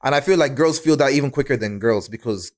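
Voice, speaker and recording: A man's voice: mid-range voice, quick pace, a crowd in the background. A young man with an urban London accent, chatting casually in slang and rambling through his thoughts. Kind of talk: casual group chat.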